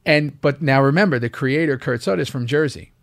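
A man from the US East Coast sits in as a guest and tells stories in a relaxed, chatty way. He slips into other people's voices when he quotes them. His voice is mid-pitched and ordinary in tone. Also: fairly quick, vocal fry. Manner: lively anecdotes, acts out quoted dialogue. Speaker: actor guest. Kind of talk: casual interview storytelling.

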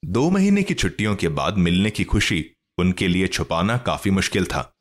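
Man, low voice, lively intonation, storybook narration, expressive. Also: moderate pace. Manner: expressive, scripted.

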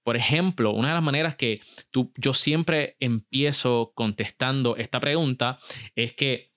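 Energetic male podcast host. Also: medium pitch, unhurried. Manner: energetic, mixes English words into Spanish. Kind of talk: motivational podcast monologue.

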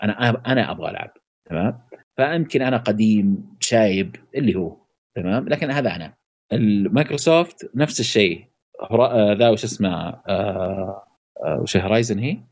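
Fast-talking opinionated man. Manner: animated and opinionated, jumps to high pitch for emphasis; many hesitations and filler sounds. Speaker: podcast co-host. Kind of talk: casual gaming podcast chat.

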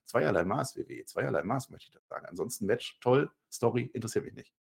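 A man with a slightly husky voice talks through a wrestling show in loose, casual chat. His pitch swings widely, and he turns sarcastic and climbs high when something excites him. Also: quick pace. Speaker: wrestling podcast co-host.

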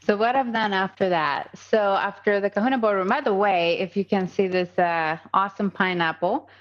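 The recording is muffled, carrying a medium-pitched woman's voice at a moderate pace. She's a Colombian woman in her thirties, a native Spanish speaker with a Colombian accent, chatting earnestly as a podcast guest with many fillers and restarts.

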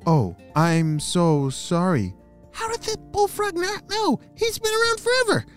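A man voicing an excitable young male frog in a children's storybook, breathless and eager, full of exclamations. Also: very high-pitched, unhurried, soft background music, pitched above the performer's own voice, exaggerated voice. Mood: puzzled.

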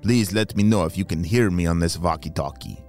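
A man voicing a scheming villain doctor in a very low, menacing growl for a kids' story podcast. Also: a little fast, a little mellow, faint music behind, close to an everyday voice.

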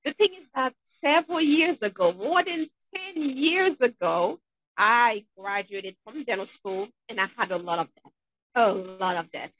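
A woman from Haiti with a Haitian accent, a dentist being interviewed, talking in an upbeat, expressive way. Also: fairly high pitch, a little slow, lo-fi sound. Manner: upbeat, expressive, acts out quotes. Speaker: guest dentist. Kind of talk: interview conversation.

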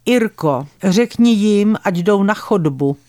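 A woman voicing a blunt, scornful old woman in her eighties in a nursing home, speaking low and slow in a storybook reading. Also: expressive, warm tone, no echo, studio quality, natural voice. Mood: commanding. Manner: blunt, contemptuous, confiding in low tones.

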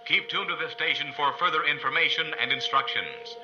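An actor playing an official male radio announcer giving a grave, formal, measured civil defense broadcast. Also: on the high side, dull audio, slight background noise. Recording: radio broadcast with loud music behind, band-limited.

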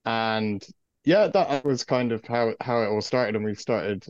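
A man's voice: medium pitch, unhurried, no echo, lo-fi sound. A man with a west of Ireland accent chatting casually and in an easygoing, jokey way as a musician guest on a podcast. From County Clare, west of Ireland. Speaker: guest, guitarist and vocalist in a metal band. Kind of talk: casual podcast interview chat.

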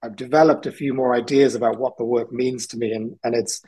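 A man's voice: medium pitch, fairly even intonation, a little fast, dark tone, breathy edge, rough recording. A man from South Wales, a guest artist in a casual interview, talking thoughtfully and rambling a little, with frequent ums and laughs.

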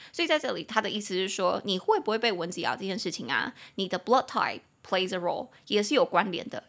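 Lady teaching english on a podcast, bright tense voice, rambles off on little side stories. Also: mid-range voice, gravelly. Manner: chatty, digressive, spells out words and switches between Mandarin and English. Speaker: English tutor and podcast host.

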